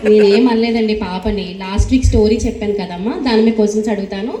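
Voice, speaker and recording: A woman playing a patient Sunday school teacher in a church skit, gentle and defensive when challenged. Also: mid-range voice, steady tone, fast talker, a little hiss or hum, close to an everyday voice. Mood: pleading. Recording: echoey hall.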